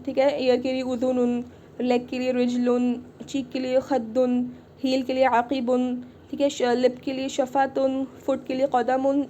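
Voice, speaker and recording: A woman's voice: sits high, mellow, slight background noise. A woman teaching an online Arabic class, patiently repeating and checking in with her students. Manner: patient, repeats "ठीक है" often.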